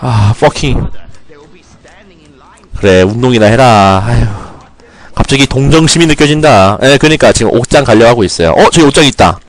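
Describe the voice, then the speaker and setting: A man's voice: medium pitch, expressive, normal speed, pauses often, no echo. A young man casually commenting while he plays a game, joking with viewers and ranting at the characters in mock anger. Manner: joking, talks to himself and viewers, mock scolding rants. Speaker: game streamer.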